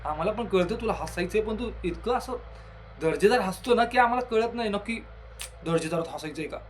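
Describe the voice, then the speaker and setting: Male reviewer, higher-pitched voice, playful casual delivery with singsong filler words; addresses the show's cast directly. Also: expressive, a little fast, slight background noise. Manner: playful and chatty, with jingly rhyming filler words; talks straight to the contestants. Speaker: YouTube reality show reviewer.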